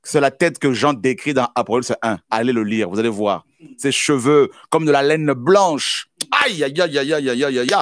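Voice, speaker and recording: A man preaching a sermon as pastor, with repeated exclamations and bursts of shouting. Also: medium pitch, moderate pace, no room sound.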